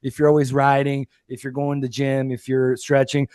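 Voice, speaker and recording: A man in his late thirties co-hosting a podcast, talking in an energetic, slangy, enthusiastic way. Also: mid-range voice, moderate pace, clean tone, no room sound, clean studio sound. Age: 30s. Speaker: podcast co-host. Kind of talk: casual chat.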